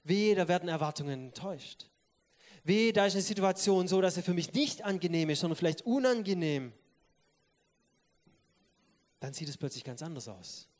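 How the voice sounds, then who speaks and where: A man preaching a sermon, speaking straight to his listeners and swinging between loud stressed words and soft, quiet asides. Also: sits high, lively intonation, moderate pace, long pauses. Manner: emphatic, addresses listeners directly.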